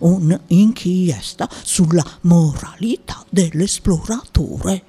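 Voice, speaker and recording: A performer voicing a pompous, self-important old male geographer who lectures slowly. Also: medium pitch, warm tone, husky. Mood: lecturing.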